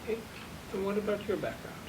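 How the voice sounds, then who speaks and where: A woman's voice: medium pitch, lively intonation, fast. A woman interviewer asking short questions and giving encouraging backchannels. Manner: brief prompts and encouraging backchannels. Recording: distant mic with clear noise.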